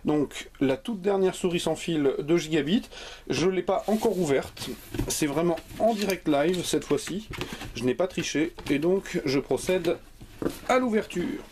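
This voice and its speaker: A man's voice: fairly high pitch, measured pace, background noise. A man hosting a hardware video channel, chatting jokily and casually as he unboxes a product live. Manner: jokey, lively, chatty. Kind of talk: unscripted unboxing commentary.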